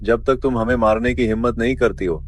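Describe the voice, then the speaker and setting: A man's voice: mid-range voice, steady tone, fairly quick, lightly acted. A man voicing the bully's shameless younger brother, brash and mocking in a dubbed drama. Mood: taunting.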